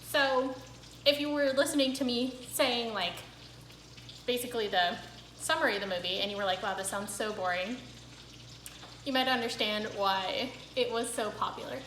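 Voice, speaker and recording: A woman's voice: on the high side, moderate pace, fairly bright tone, roomy sound, a little hiss or hum, poor audio. A young woman hosting a cooking vlog, chatting casually to camera with a rambling, filler-filled manner.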